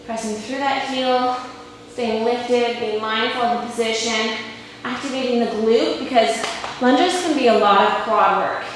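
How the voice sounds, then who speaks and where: A woman fitness instructor with a slightly high, unhurried voice coaches and encourages while doing push-ups and lunges, audibly straining and a bit out of breath. The room is very echoey, with faint background noise.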